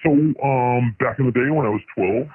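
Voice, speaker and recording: A man calling in anonymously through a voice changer, speaking hesitantly with many pauses and ums. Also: medium pitch, crowd noise. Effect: voice changer disguising his voice. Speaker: anonymous caller. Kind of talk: confessional phone-in chat. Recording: tinny phone line.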